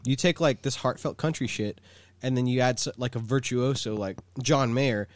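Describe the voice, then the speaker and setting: A man's voice: mid-range voice, moderate pace, dry recording. A man, co-hosting a casual podcast chat, rambling with lots of filler words and swearing. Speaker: podcast co-host.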